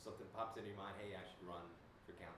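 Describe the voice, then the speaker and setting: A man's voice: lowish voice, fairly even intonation, very fast, a bit bright. A man asking a local candidate questions in a loose, offhand way. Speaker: news interviewer. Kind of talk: candidate interview. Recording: echoey room with faint noise.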